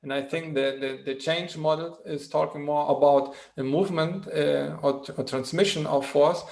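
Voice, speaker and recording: A non-native English speaker, a man with a thick foreign accent, explains in lecture style, haltingly searching for words and adding questioning tags. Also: a little high, fairly even intonation, gravelly, darkish tone. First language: not English. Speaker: presenter, physical therapy educator.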